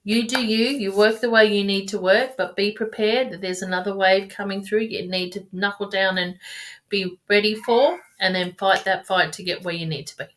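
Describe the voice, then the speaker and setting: A woman with a mid-range, somewhat bright voice gives casual tarot readings on a live stream through a webcam or phone mic. Her tone is steady and her pace moderate, and she's chatty and affectionate, rambling and restarting sentences as she talks to viewers.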